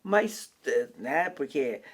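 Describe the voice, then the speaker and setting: Uma mulher brasileira numa conversa cristã descontraída, contando histórias bíblicas com muitos "né" e "sabe". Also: female voice, low-pitched, big pitch swings, very slow. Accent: Brazilian Portuguese. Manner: preachy storytelling, many fillers and tag questions. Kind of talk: casual faith chat.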